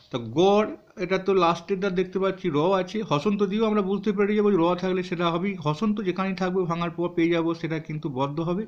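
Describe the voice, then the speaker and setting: Male teacher, fairly high and animated voice, patient and step-by-step, muffled lo-fi sound. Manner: patient, spells words out syllable by syllable. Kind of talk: classroom explanation for students. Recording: dull lo-fi recording.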